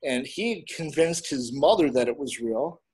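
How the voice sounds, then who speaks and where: A middle-aged man chatting casually as an interview guest, rambling a little and pausing as he goes. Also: medium pitch, expressive, a little mellow, husky. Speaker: interview guest, horror host and film reviewer.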